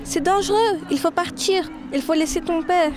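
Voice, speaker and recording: A woman voicing a gentle, worried friend who comforts a grieving girl. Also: sits high, steady tone, a little slow, over music. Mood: caring.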